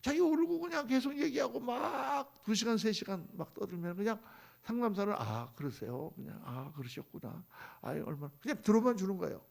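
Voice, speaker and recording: In a church sanctuary at a dawn prayer service, a male pastor preaches a sermon, veering from loud, emphatic lines to soft, hushed ones and acting out the people he quotes in conversational asides. His voice is very high, fairly quick, and gravelly.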